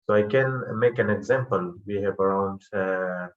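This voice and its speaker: A man from Afghanistan speaks as a guest on an online panel. His voice sits very low, and he talks with frequent hesitations and fillers. The audio sounds muffled, as over a video call. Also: normal speed.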